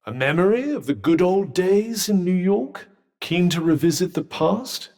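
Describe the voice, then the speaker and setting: A sentient magical cuff in a game is voiced by a British actor as a dry, witty, protective companion, well-spoken and advising in a measured way. His voice sits high and darkish, unhurried, with lively intonation. The scripted lines trail off in long reverb.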